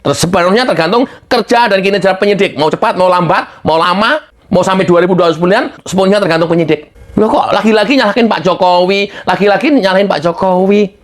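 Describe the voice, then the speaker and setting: A woman's voice: mid-range voice, fast talker. A woman giving a heated political rant, exasperated and scolding, firing off rhetorical questions.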